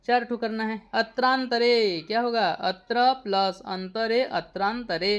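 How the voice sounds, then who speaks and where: A woman teacher, patiently explaining exam answers and asking the class questions before giving each answer. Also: medium pitch. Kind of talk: exam question walkthrough lesson.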